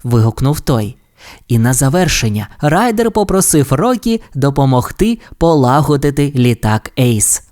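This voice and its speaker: Low-voiced woman reading a children's story. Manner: expressive, animated reading. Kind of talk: storybook narration.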